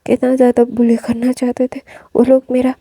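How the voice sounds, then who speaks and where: A woman's voice: fairly high pitch, completely flat delivery, a little fast, warm tone, husky, no echo, studio quality. A woman voicing a frightened, timid young man who pleads in a shaken voice.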